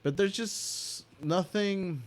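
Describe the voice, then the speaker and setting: A man's voice: high voice, slow. A young man from the United States, hosting a casual, profane opinion rant full of restarts and asides. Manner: profane, rambling, with many restarts and filler asides. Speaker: host.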